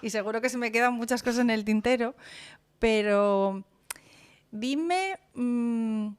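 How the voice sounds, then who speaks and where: A woman's voice: on the high side, unhurried, clear, resonant tone. A woman host interviewing a guest casually, asking short questions with some hesitation.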